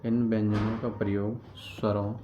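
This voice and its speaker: A man's voice: on the low side, level tone, moderate pace. A man teaching a grammar lesson, explaining step by step, repeating key terms and answering his own questions. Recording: dull lo-fi recording with background noise.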